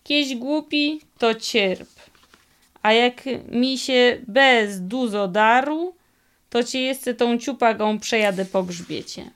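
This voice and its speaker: A woman voicing a cunning old highland fiddler who speaks in a slow, drawling Podhale dialect. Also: gravelly. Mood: stern. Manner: slow, drawling folksy speech.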